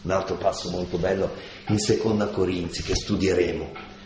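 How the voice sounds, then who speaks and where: A man giving a slow, deliberate lecture on scripture, stressing key words and asking rhetorical questions. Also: sits low, steady tone, background noise. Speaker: lecturer on Paul's letters. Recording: echoey room with faint ambience.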